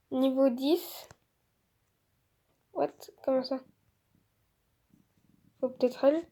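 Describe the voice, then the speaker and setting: A woman's voice: high voice, dark tone. A woman giving casual let's-play commentary, chatty and thinking aloud with lots of filler words.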